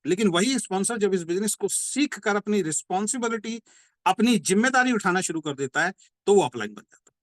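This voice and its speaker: A network marketing trainer delivers a motivational business training talk, with a high, expressive voice and no echo. He makes his case through repetition and rhetorical questions, slowing down on the key slogans.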